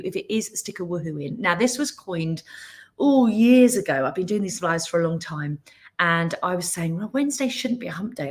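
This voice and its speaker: A middle-aged woman, a business mentor hosting her weekly live, talking in a chatty, upbeat way that often breaks off into asides. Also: lowish voice. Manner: chatty, upbeat, self-interrupting. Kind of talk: casual live stream chat.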